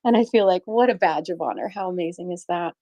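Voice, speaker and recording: Her voice is lowish, fast and warm. She is a middle-aged Canadian small-shop owner chatting casually on a live audio space, sharing a personal story in an earnest, reflective manner punctuated by frequent laughter.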